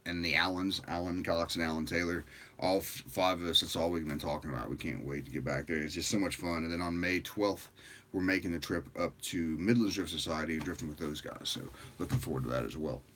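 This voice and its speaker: A tired man hosting a livestream, chatting casually with viewers in a rambling, relaxed way. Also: low voice, a little hiss or hum. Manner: rambling and relaxed, with frequent fillers and laughs. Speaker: livestream host.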